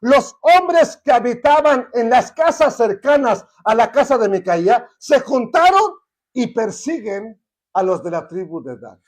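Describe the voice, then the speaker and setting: A man's voice: very high-pitched, sing-song, a little slow. A man teaching a Bible study in a conversational way, often checking in with rhetorical questions.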